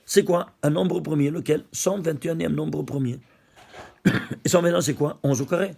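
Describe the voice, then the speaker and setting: A man's voice: fairly high pitch, steady tone, normal speed, vocal fry, a little mellow, slightly rough. A man, a rabbi, giving a Torah lesson, emphatic and marveling aloud, asking rhetorical questions and answering them himself.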